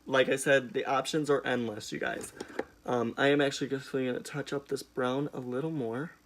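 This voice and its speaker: A man's voice: mid-range voice, fairly even intonation, moderate pace, a little hiss or hum. Man, young adult, sassy drag queen manner, emphatic, casual makeup tutorial talk. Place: indoors, small room at home.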